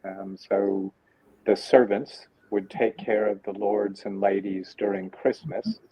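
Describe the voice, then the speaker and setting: A man's voice: lowish voice, slow pace, dark tone. A man co-hosting a casual livestream, joking in an easygoing way. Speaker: co-host. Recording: dull lo-fi sound, faint noise.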